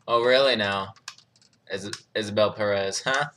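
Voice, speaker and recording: A man's voice: fairly low pitch, fairly even intonation, unhurried, sharp tone, a little hiss or hum. A young man hosting a live question-and-answer stream, chatting casually, reading viewer comments and laughing often. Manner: laid-back, chuckles often, reads chat aloud.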